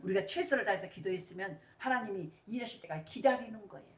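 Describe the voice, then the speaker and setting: A woman's voice: mid-range voice, fast. Middle-aged woman pastor preaching, echoey church, mic kinda far off. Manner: animated preaching with call-and-response questions. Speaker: senior pastor. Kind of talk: sermon. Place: church sanctuary. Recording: roomy church hall from a distance.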